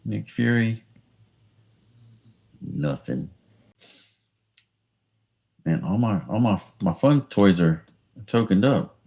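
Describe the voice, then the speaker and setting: A man's voice: lowish voice, animated, slow, gravelly, pauses often, warm tone, dull audio. A man playing a tabletop miniatures game, calling out his moves in casual chat and joking to his pieces.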